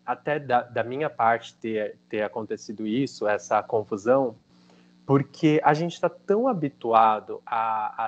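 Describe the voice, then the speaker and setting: A man with a Brazilian Portuguese accent hosting a casual interview, telling a story with lively quotes of what others said. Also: mid-range voice, lo-fi sound. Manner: animated storytelling, quoting others. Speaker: host.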